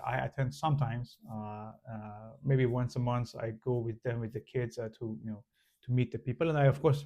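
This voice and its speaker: Talking to the camera as a channel host, an Iranian man whose first language is Farsi speaks with a Persian accent in a medium-pitched, somewhat dark voice. His casual explanation keeps stopping, restarting and filling gaps with pauses and fillers.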